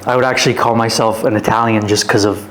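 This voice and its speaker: This podcast guest is a fitness influencer from Canada in his twenties, rambling casually through his life story with "like" after "like." He talks fast in a lowish, fairly bright voice with fairly even intonation. The audio quality is poor, with slight background noise.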